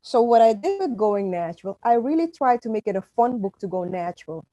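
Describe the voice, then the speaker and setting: In a conversational interview, a middle-aged Surinamese author and native Dutch speaker talks with emphasis and repeated restarts. Her pitch is fairly high and sing-song, she speaks fairly quickly, and the recording quality is low.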